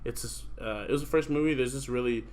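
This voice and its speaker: A man's voice: medium pitch, fast talker, darkish tone. A young man hosting a podcast, rambling casually and swearing often, with lots of fillers like "like". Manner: rambling, profane, heavy use of "like". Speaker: podcast host. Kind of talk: casual chat.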